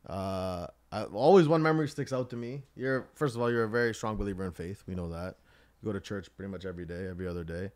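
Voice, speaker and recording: Low-voiced man, casual podcast host. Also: quick pace, a little mellow. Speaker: podcast host interviewing his grandmother. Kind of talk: casual, informal interview.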